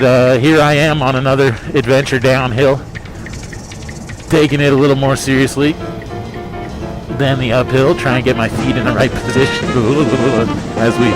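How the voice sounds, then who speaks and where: A man's voice: medium pitch, poor audio. A man rambling casually in an easygoing live vlog, recorded on a pocketed phone as he rides outdoors in a helmet. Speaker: motorcycle vlogger. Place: outdoors, riding a motorcycle on forest roads. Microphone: phone in pocket while riding in a helmet.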